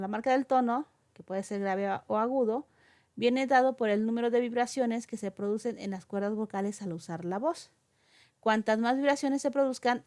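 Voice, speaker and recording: A woman teacher lectures on oral communication in a medium-pitched, darkish voice. She explains step by step, using frequent fillers and asking questions to check understanding.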